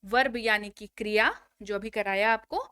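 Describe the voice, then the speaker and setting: A woman's voice: mid-range voice, fairly even intonation, moderate pace, pushed and bright, smooth, dry recording, studio quality. A woman teaching a spoken English lesson, drilling word lists and prompting students to repeat after her.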